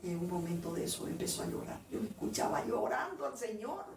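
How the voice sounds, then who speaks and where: A woman preacher shares an emotional personal testimony in a sermon, often restarting her words. She talks fast in a slightly mellow, mid-range voice with big pitch swings. The echoey church room is picked up by a distant mic, with faint noise and faint music behind her.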